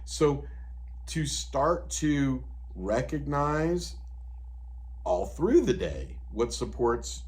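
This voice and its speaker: A middle-pitched man in his fifties talks through practical advice as an advocate. His explanations are steady and conversational, dotted with "you know" and "right?". He sounds like a guest patiently walking someone through the options. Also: extremely slow. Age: 50s.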